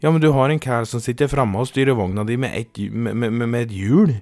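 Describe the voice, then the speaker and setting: A man voicing a bold, quick-tempered young woman who scolds loudly and cheekily. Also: medium pitch, no room sound, voice pushed up, close to an everyday voice. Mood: scolding.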